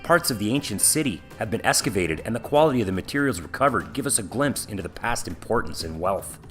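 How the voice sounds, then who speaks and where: A man with a fairly low voice narrates a scripted facts video in an upbeat, lightly playful way. Soft music plays quietly beneath his voice. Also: animated, fast talker. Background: background music.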